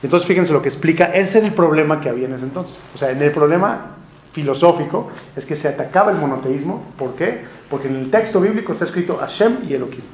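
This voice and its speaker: A man's voice: a little high, lively intonation, fast talker, slight background noise. Man lecturing a class in a roomy echo. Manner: explanatory, checks in often with rhetorical questions. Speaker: teacher.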